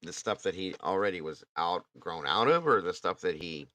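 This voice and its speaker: A man's voice: sits low, expressive, moderate pace, sharp tone, no room sound. A man hosting a casual true crime talk, blunt and indignant, swearing now and then. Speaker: true crime podcast host. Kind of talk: casual chat.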